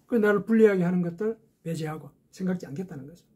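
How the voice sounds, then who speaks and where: A man's voice: sits high, fast talker, a little mellow, slightly rough. A man preaching a sermon as a pastor, explaining step by step with rhetorical questions.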